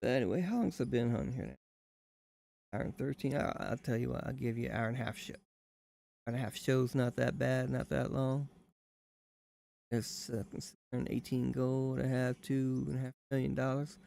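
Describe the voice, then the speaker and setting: A man in his thirties with a drawl hosts a live game stream from home, talking in a loose folksy ramble that drifts off mid-thought. His voice is gravelly with an everyday middle pitch. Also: steady tone, normal speed, dark tone. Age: 30s. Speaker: live-stream gaming host.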